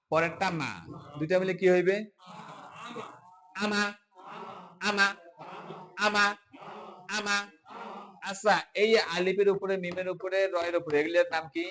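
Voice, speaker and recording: A man teaching Quran reading to a live online class, drilling letters slowly and asking the class to answer, chanting the spelling in a drawn-out singsong. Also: high-pitched.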